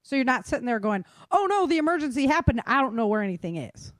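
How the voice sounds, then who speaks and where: A woman with an American accent, a podcast host and author, talks quickly in a high, sing-song voice, recorded cleanly in a studio with no room sound. She explains her points in a casual discussion, often checking in with "right?" and "you know".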